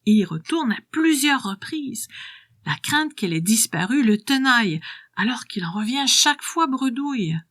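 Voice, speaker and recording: Hushed woman reading a story. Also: a little high, animated, normal speed, no room sound, clean studio sound. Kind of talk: scripted story narration.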